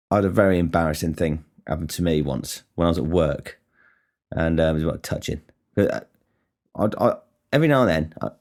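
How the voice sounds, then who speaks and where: A man's voice: sits low, darkish tone. An English man hosting a podcast, talking in a casual, rambling and blunt way, swearing freely, poking fun at himself and often stumbling and restarting. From England. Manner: blunt, sweary and self-deprecating, with frequent stutters and restarts. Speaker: podcast host.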